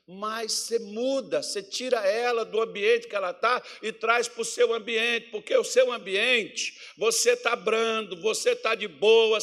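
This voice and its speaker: A middle-aged pastor from preaches in its with a rather high voice. He tells homely stories and swings from ringing declarations down to quiet asides. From Minas Gerais, Brazil. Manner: folksy, storytelling preacher who shifts between loud declarations and soft asides. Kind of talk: sermon.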